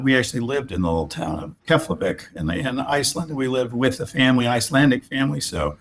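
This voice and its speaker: Slight background noise accompanies a medium-pitched male voice. He is a spine surgeon in his sixties, raised in Alaska and now an orthopedic specialist, who looks back on his life in a reflective interview, wandering off track with frequent restarts and repeated words.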